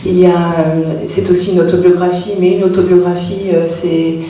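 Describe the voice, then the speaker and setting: A woman's voice: on the low side, little pitch movement, moderate pace, warm tone, slight background noise. A woman author speaking at a public literary talk, hesitant, with many fillers and restarts. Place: cultural centre hall. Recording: echoey hall from far off.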